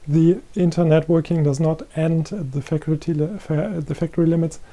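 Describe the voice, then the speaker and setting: A middle-aged man giving a recorded presentation as head of a research chair, explaining calmly and repeating himself. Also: on the high side, brisk. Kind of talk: presentation lecture. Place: green-screen studio.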